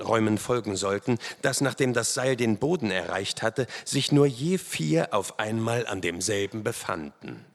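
A man reading a first-person adventure story aloud in a dramatic, expressive way. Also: on the low side, vocal fry. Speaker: audiobook narrator. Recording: long hall reverb.

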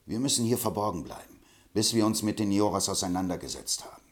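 A calm, stern frontier hero with a firm, commanding way of speaking, as an audiobook reader plays him. His voice has a lot of movement in it. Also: lowish voice, quick pace, natural voice. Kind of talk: audiobook reading.

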